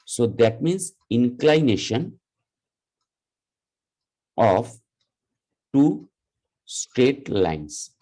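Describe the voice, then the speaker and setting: A man teaching a live class, explaining slowly and deliberately, often repeating himself. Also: medium pitch, very animated, mellow, low-quality recording. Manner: slow, deliberate explaining with repetition. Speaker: lecturer.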